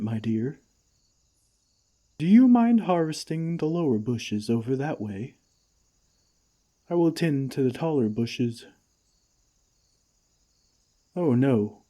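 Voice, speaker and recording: In an ASMR comfort roleplay, a man with a medium-pitched voice plays a gentle, caring friendly giant. His phrasing is tender, old-fashioned and unhurried.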